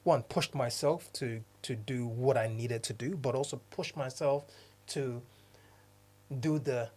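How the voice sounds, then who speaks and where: A Nigerian man who co-hosts a podcast and works as a diversity consultant speaks earnestly in casual chat, often restarting his phrases. His voice is medium-pitched, unhurried and a little mellow.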